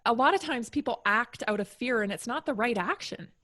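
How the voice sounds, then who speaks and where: A woman's voice: on the high side, lively intonation, brisk, fairly bright tone. A woman hosting a podcast interview, chatting casually and affirming her guest often. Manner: encouraging, frequent affirmations, chatty. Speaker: podcast host.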